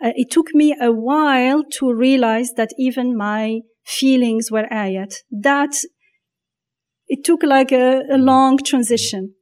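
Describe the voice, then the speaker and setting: In a high-pitched, slightly mellow voice, a woman muses on faith in conversation. Her speech is full of pauses and restarted thoughts as she gropes for words.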